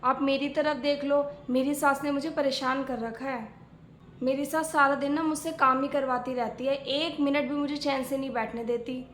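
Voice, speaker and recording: A chatty young married daughter who keeps complaining about her in-laws, voiced by a woman. Her voice is high, and the skit is recorded in an echoey room. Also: steady tone, normal speed, a bit bright, slight background noise. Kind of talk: family skit acting.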